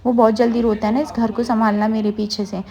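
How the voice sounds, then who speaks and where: A woman reading the lines of a gravely ill, childlike young woman who pleads and worries. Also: on the high side, flat delivery, fast, mellow, lightly acted. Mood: pleading.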